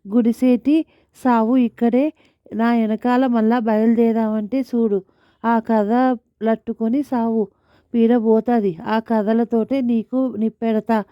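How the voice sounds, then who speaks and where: A woman voicing a harsh, quick-tempered poor village mother who scolds in coarse village speech. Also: a little high, little pitch movement, clear, resonant tone, no echo, lo-fi sound. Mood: angry scolding.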